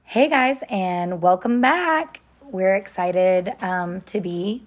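A young woman co-hosting a podcast in casual chat, loud and chatty, her voice slightly hoarse from tiredness. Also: mid-range voice, slow pace. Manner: loud, chatty, lots of fillers. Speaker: podcast co-host.

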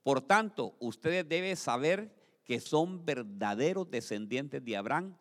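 A man preaching a sermon in a church, moving between loud exclamations and soft asides, and asking the congregation to repeat his phrases. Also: mid-range voice, animated, a little slow. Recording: long hall reverb.

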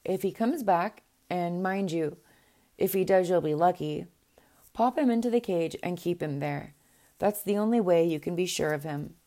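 A woman's voice: on the low side, normal speed, mellow, lightly acted. A woman voicing a group of spiteful young princess sisters with a sly, condescending manner.

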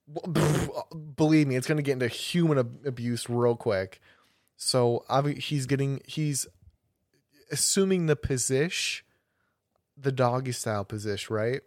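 A man's voice: medium pitch, a little slow, no echo, studio quality. Rambling young man telling a story. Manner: rambling storyteller, many restarts and laughing fits. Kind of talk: casual chat.

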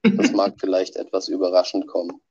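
A man with a cold and a nasal voice, heard as a low-quality audio file played back on a podcast, delivering a prepared message. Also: sing-song, brisk, dark tone, husky. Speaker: podcast regular sending a birthday message. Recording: dull lo-fi playback.

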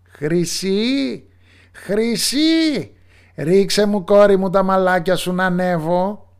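A man voicing a shrill old witch mother, calling in a strained falsetto with drawn-out, sing-song cries in a storybook tale. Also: clear, resonant tone. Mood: calling sweetly.

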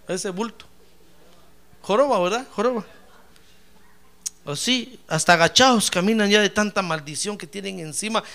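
A man preaching a sermon as pastor, with animated delivery that swings from low asides to loud praise, often calling listeners "brother". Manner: addresses listeners as "hermano". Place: church.

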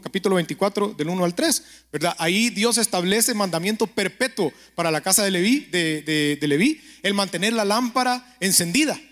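A man preaching a conversational sermon and prayer, telling stories, speaking straight to the listener and often checking in with a quick question. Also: high voice, a bit bright. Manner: keeps asking the listener "¿verdad?".

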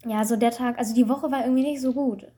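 Husky rambling woman, casual chat. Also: fairly high pitch, steady tone, fast talker, warm tone. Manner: rambling, self-mocking storyteller with frequent fillers. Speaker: student. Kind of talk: casual chat over a call.

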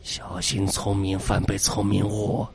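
A man's voice: fairly low pitch, completely flat delivery, a little slow, vocal fry, a little mellow, slight background noise. A man voicing a cold, menacing male kidnapper who sneers his threats in a horror story. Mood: sneering.

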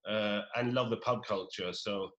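A man in his forties from Norway, a native Norwegian speaker, talking as a pub-owner guest in a casual interview, halting and often repeating his words. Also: on the low side, fairly even intonation, fairly bright tone, rough recording.

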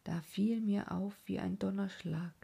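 A woman reading a story aloud as a whispered role-play, in a slow, mournful way. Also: medium pitch, steady tone, gravelly, dark tone, slightly rough. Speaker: reader.

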